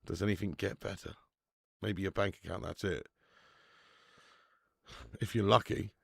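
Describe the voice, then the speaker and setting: A man's voice: low-pitched, fairly even intonation, measured pace, gravelly, breathy edge, no echo, studio quality. A man, hosting a football watch-along and bantering with chat, laughing and swearing freely. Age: 30s. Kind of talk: casual live-stream chat.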